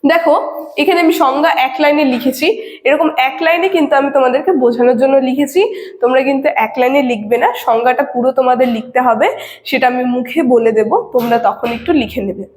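High-voiced woman teaching in an echoey room. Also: fairly even intonation, fast, a little mellow. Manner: explains step by step, often checks in with 'okay'. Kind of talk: classroom lecture to students. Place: classroom with a board. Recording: echoey room with long reverb.

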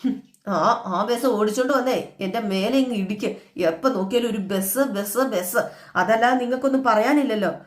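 A woman's voice: on the high side, normal speed, natural voice. A woman voicing an anxious, snappish middle-aged mother-in-law who fears being found out. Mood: irritated. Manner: panicky, snappish. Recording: echoey room.

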